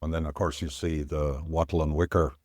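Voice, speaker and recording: A man with an extremely low voice co-hosts an interview. He chats casually, mixing questions with his own remarks, and the sound is dry and close. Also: level tone, fairly quick, darkish tone, no echo.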